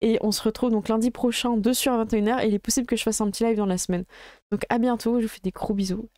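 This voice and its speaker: A woman game master chatting casually as she wraps up a live stream, halting often with fillers. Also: a little high, fairly even intonation, warm tone, no room sound, clean studio sound.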